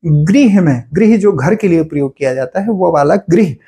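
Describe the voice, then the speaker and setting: A man teaching Hindi spelling for a competitive exam, explaining patiently and repeating each word slowly to contrast right and wrong forms, with a Hindi accent from Uttarakhand. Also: a little high, animated, warm tone. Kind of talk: exam-prep spelling lesson.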